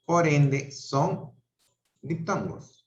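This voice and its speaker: Slow Peruvian man teaching online. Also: fairly high pitch, expressive, a little hiss or hum. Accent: Peruvian Spanish. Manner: slow, deliberate, repeats examples syllable by syllable; checks understanding with frequent "¿ok?" and "¿ya?". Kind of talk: online grammar class. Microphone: video call. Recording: roomy, dull video-call audio.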